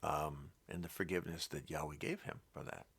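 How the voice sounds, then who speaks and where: Man, very low voice, gravelly fry, Bible reading with commentary, halting, rambling. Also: steady tone, a bit bright. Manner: halting and rambling, with many restarts. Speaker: Bible teacher.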